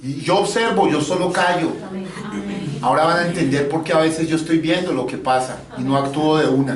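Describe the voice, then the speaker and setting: Middle-aged Colombian pastor, slightly high voice, preaching in a reverberant church, heard from a distance. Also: male voice, fairly quick, crowd noise. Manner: preaches in call and response with the congregation. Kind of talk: sermon and closing prayer. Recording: roomy church from a distant mic. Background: congregation answering amen.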